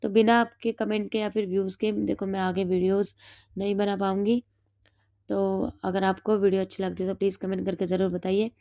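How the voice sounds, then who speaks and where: A woman with a hoarse throat, teaching exam notes and asking and then answering her own quick questions. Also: mid-range voice, flat delivery, no echo, highs cut off. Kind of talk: reading through study notes.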